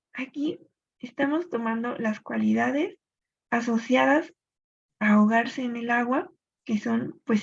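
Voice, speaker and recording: Husky, gravelly woman teaching poetry rules. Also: on the high side. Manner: clear explanatory pace with thinking-aloud pauses. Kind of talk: recorded literature lesson. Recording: dull lo-fi recording.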